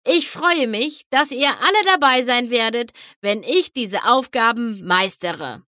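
Lady doing a cocky tomboy pony, super chill and sure of herself, bright voice. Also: on the high side, sing-song, measured pace, no echo, clean studio sound, heavily acted. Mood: proud. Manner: casual, self-assured swagger. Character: cocky, laid-back young female pony, tomboyish.

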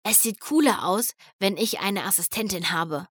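Lady doing a cocky tomboy pony, super chill and sure of herself, bright voice. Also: on the high side, sing-song, measured pace, dry recording, clean studio sound, exaggerated voice. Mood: hushed. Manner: casual, self-assured swagger. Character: cocky, laid-back young female pony, tomboyish.

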